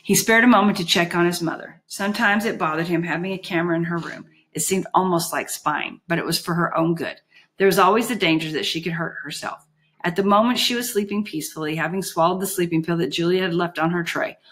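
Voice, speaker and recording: A woman narrating a novel aloud in a steady, measured reading voice. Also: fairly low pitch. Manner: steady, measured, occasional slips. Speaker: audiobook narrator. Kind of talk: storybook narration.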